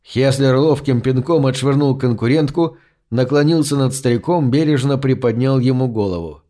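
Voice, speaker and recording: A man narrating a science fiction story in a steady, measured audiobook reading. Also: mid-range voice.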